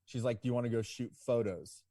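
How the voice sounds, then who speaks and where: A man of around forty, a guest on a podcast interview, telling his story in a relaxed, rambling way full of "like" and "you know". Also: mid-range voice, a little fast, no echo, studio quality. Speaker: podcast guest, ski business owner.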